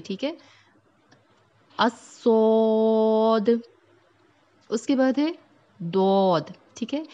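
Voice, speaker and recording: A woman's voice: mid-range voice, darkish tone, highs cut off. A woman teaching Quran recitation rules, patiently explaining each letter and drawing out the sounds to demonstrate. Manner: patient, explains step by step, checks in often. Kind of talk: Tajweed lesson.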